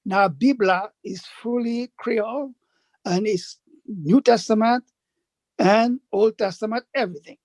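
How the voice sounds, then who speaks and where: A man's voice: sits high, darkish tone, no room sound. Older man telling his story. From Dominican Republic, raised Haitian. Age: 80s. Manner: measured storytelling, acts out quoted speakers. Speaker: interview guest, publisher. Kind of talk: recounting his life in an interview.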